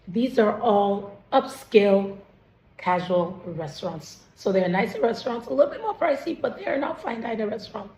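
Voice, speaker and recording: A woman chef with a hoarse, lost voice, casually explaining restaurant types while at work in her restaurant. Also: mid-range voice, expressive, a little mellow, roomy sound, poor audio. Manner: candid, listing examples quickly. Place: restaurant during dinner service.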